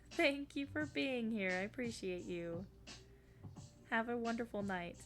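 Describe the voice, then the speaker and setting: A woman streaming live, chatting casually with viewers, rambling and self-deprecating, sniffling, bursting into excited greetings as she reads the chat. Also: on the high side, takes it slowly, soft background music. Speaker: streamer debuting a virtual fairy-empress persona.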